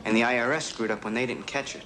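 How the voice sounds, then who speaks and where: An actor playing a hesitant benefits clerk who halts and apologizes while breaking bad news, heard from a worn tape copy of a film. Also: male voice, medium pitch, steady tone, a crowd in the background, low-quality recording. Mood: apologetic. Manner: halting, apologetic. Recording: hissy worn videotape film clip.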